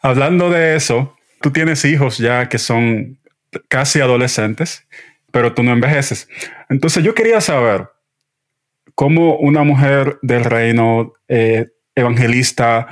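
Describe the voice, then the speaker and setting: A man hosting a casual chat, asking friendly questions. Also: medium pitch. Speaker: host.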